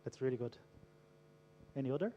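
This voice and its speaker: A man's voice: mid-range voice, lively intonation, fairly quick, warm tone, dull audio. A man from Brazil, giving an engaging conference talk, polling the audience and telling a story. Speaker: conference speaker. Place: large conference hall. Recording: long hall reverb.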